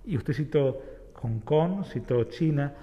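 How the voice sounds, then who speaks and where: A man from Argentina with an Argentine accent, a rabbi guest calmly explaining ideas with everyday examples and parables. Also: on the high side, slow, big-room sound, muffled recording. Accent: Argentine Spanish. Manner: reflective, uses homely examples and parables. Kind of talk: explanatory talk-show conversation.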